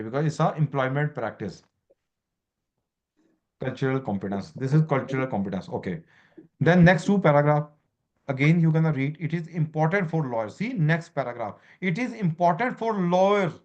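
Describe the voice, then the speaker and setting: A man's voice: mid-range voice, very animated, moderate pace, highs cut off. A man lecturing a student as a law exam tutor, repeating key terms and quizzing her, in broken English. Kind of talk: informal lecture.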